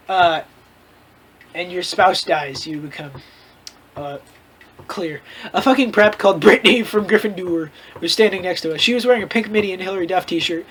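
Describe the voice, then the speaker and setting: This host has a high, fairly bright voice as he reads fan fiction aloud. His delivery is casual and comedic, playing up the drama and frequently breaking away for side commentary.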